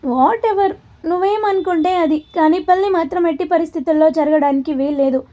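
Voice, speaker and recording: A bossy young man who has won a bet and now gives orders with a mocking, commanding edge, as a woman narrator puts him on. The voice sits high and sounds mellow and soft-toned. He is heard in a spoken storybook. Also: normal speed, slight background noise.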